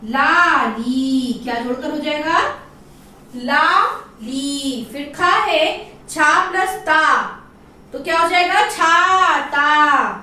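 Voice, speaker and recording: A woman teacher leading a primary-school class, asking questions and drawing out each answer slowly for the children to repeat. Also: sits high, sharp tone, very echoey, recorded from a distance. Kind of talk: online class lesson.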